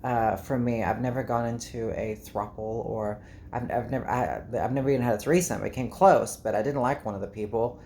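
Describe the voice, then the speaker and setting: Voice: mid-range voice, brisk, a little mellow, a little hiss or hum. A vlogger with a South African accent, talking to camera in a candid, rambling, chatty way. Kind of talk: casual monologue to camera.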